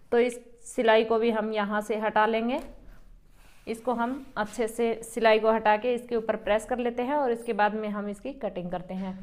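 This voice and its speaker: A woman who runs a boutique, calmly explaining step by step how to cut a garment as she works. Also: a little high. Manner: calm, explains each step while working. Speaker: boutique owner teaching tailoring. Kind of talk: step-by-step sewing tutorial.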